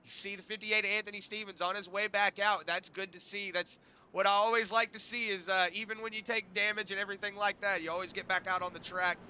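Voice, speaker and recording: Hoarse from a sinus infection, a man provides play-by-play commentary for a sim truck race. He talks in a high-pitched voice a little fast, keeping it relaxed and rambling with plenty of fillers.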